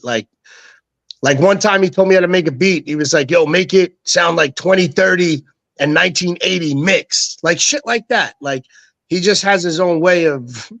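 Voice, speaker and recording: A young man, a guest telling loose, slangy stories and quoting people as he goes. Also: a little high. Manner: loose, slangy, quotes others in voices. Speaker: guest, NFT co-founder. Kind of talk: casual storytelling.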